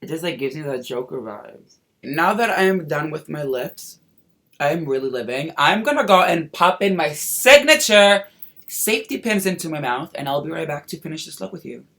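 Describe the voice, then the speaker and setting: A makeup vlogger who performs in drag talks through a casual get-ready-with-me tutorial in a slightly high, pushed, bright voice. As a sassy drag queen, he fills the chat with campy slang and exclamations.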